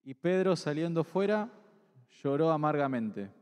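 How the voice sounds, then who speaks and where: A man reading a long scripture passage aloud at a church meeting in a measured, even way. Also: on the high side, smooth. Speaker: scripture reader. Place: church hall. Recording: echoey church hall.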